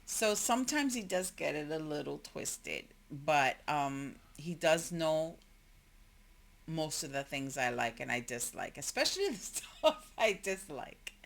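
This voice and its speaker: A woman's voice: low voice, sing-song, measured pace, creaky. A woman in her forties co-hosting a couple's podcast, rambling chattily and laughing often. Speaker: podcast co-host. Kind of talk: casual couple chat.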